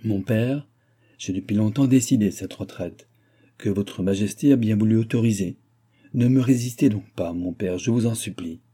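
A man's voice: lowish voice, normal speed, dark tone, breathy edge. A man reading as a devout, resolute princess. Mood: earnest. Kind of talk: audiobook character reading.

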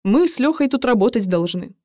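Woman reading a cheeky young man, hushed and urgent, wheedling, mellow dark tone. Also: a little high, animated, brisk, dry recording, clean studio sound, natural voice. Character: young male orderly, cheeky and quick.

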